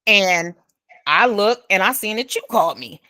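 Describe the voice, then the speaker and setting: A woman tells a story with a lively, swooping voice that jumps up when she acts out what others said. Her speech is informal and easygoing, with dropped verb endings. The sound is dry and close, with no room around it. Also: moderate pace, no echo. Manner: animated, acts out quoted speech with big pitch jumps. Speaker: storyteller recounting an incident. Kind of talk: casual retelling.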